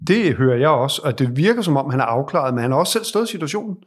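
A man with a husky, slightly rough voice talks through leadership advice in a podcast interview. He is reflective and thinks aloud, circling back and restarting his sentences as he builds his point. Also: on the high side, very animated. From Denmark. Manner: reflective, explains at length with restarts. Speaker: leadership advisor.

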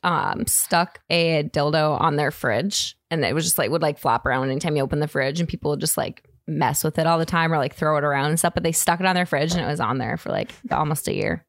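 A young woman co-hosting a podcast, chatting in an animated way with quick questions and asides. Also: deep voice, dry recording. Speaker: podcast co-host. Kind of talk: casual chat.

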